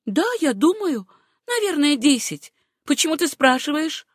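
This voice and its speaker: A woman reading an audiobook, voicing a gentle, naive young woman with a light, sympathetic manner. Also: high-pitched, sing-song, unhurried, no room sound, studio quality, voice pushed up. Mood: innocent.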